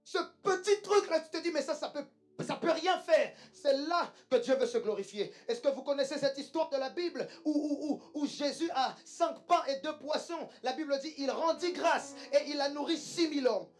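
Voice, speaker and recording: A woman's voice: high-pitched, moderate pace, hardly any pauses. A woman preaching a sermon with emphasis, repeating lines and calling the congregation to say them back. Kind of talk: church sermon.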